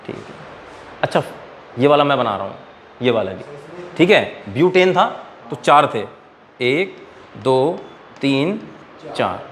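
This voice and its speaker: Male chemistry tutor, classroom lecture, slightly raised pitch, quizzing students, quiet background noise. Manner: quizzes students and answers his own questions; calls students "beta". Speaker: chemistry teacher.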